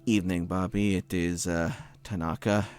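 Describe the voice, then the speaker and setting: A man playing a tender, formal man leaving a halting, hesitant late-night voicemail in a game. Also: low voice, fairly even intonation, close to an everyday voice. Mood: tender, awkward.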